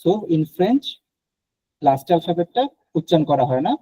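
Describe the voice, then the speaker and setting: A man's voice: on the high side, expressive, normal speed, mellow, dry recording, low-quality recording. A man from Bangladesh teaching a French class online, explaining patiently and mixing in English phrases.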